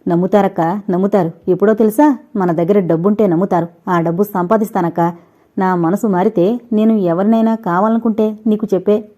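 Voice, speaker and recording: A woman's voice: mid-range voice, fairly even intonation, brisk, dark tone, close to an everyday voice. A woman voicing a remorseful young woman speaking to her elder sister in an audiobook. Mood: resolute. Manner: pleading, tearful.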